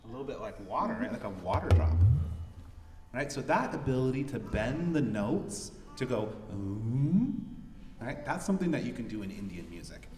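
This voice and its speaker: Male music teacher, animated delivery, roomy hall sound with instruments playing behind. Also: medium pitch, a little fast. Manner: lively, speaks drum syllables aloud. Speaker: tabla player teaching children. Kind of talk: classroom music demonstration. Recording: echoey hall, mic far off. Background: live instrument music.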